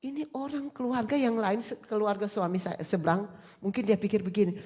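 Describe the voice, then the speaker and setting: A woman gives a testimony from the pulpit. She tells her story in turns, dropping almost to a whisper and then rising sharply in pitch and volume at its emotional moments. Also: steady tone, a little fast. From Indonesia. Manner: storytelling, swings from hushed to loud, emotional rises in pitch. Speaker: preacher at a women's service. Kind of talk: sermon testimony.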